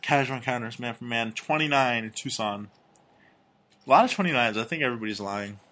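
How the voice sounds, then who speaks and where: A man co-hosting a casual comedy podcast, reading strange news stories and personal ads aloud with crude, deadpan jokes. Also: mid-range voice, brisk. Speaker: podcast co-host.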